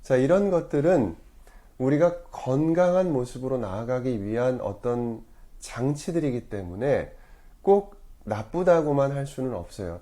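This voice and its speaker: Mellow-voiced male priest teaching calmly. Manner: measured, often rephrasing and correcting himself mid-phrase; stresses key words with sudden rises in pitch and loudness. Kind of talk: explanatory teaching talk.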